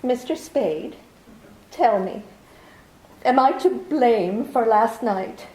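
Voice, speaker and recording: A woman's voice: on the high side, lively intonation, takes it slowly, warm tone. A woman playing a scheming young woman who pleads melodramatically for protection, in 1940s radio drama style, in a roomy recording. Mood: pleading.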